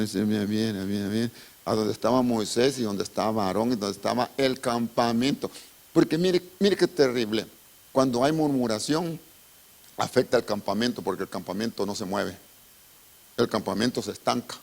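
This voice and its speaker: A man's voice: lowish voice, creaky, a little mellow. A male pastor, preaching a dramatic storytelling sermon and calling his listeners brother.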